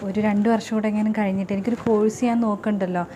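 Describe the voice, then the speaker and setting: A woman's voice: medium pitch, flat delivery, very fast, warm tone, a little hiss or hum, natural voice, low-quality recording. A woman playing a young, hesitant daughter-in-law in a comedy sketch.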